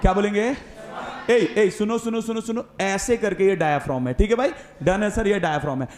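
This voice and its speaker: A male biology teacher with a high voice and a north Indian accent leads a classroom lecture, firing questions and repeating the answers back in a call-and-response drill. His voice rings around an echoey classroom. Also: fairly quick, a faint crowd. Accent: Hindi-speaking north Indian. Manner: repeats questions and answers, calls listeners beta and sir.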